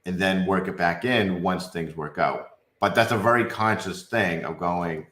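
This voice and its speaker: Deep-voiced man explaining, echoey room. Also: measured pace, fairly bright tone. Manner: conversational, keeps checking in with "right?". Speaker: hypnotist and co-host. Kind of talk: casual explanatory podcast talk.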